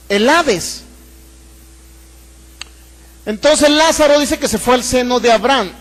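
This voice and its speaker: A very high-pitched male voice with a Mexican accent, delivering a forceful sermon. He hammers points home through repetition and keeps turning to the congregation with questions. A long reverb trails every phrase, as though he is in a large church hall. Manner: emphatic, repeats phrases, asks the congregation for agreement. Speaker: pastor.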